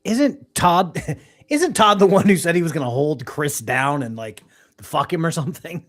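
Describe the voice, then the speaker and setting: Male streamer, casual reaction commentary, swings up and down in pitch, scornful and crude. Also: moderate pace. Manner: mocking, animated, swears freely.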